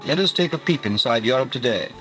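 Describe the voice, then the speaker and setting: A man's voice: medium pitch, animated, quick pace, a bit bright, soft background music, poor audio. A man giving formal, announcing narration in an archival newsreel clip. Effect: archival newsreel sound.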